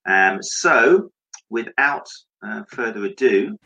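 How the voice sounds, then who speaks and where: A man's voice: mid-range voice, sing-song, slow, muffled recording. A man, casually hosting an online interview from home, talking informally to the viewers and his guest. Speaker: online show host. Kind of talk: casual interview and introduction to camera. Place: home office.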